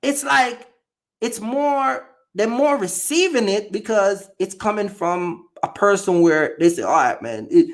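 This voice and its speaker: A Jamaican man with a Jamaican accent hosts a laid-back podcast chat, his high voice animated and his pace measured. He makes his points bluntly and emphatically, repeating himself often as the channel's host.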